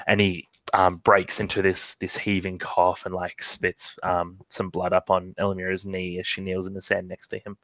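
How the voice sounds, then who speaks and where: A man's voice: low-pitched, completely flat delivery, moderate pace, hardly any pauses, a bit bright, no room sound, low-quality recording. A man narrating his character in a tabletop storytelling game, hesitant with many ums and restarts.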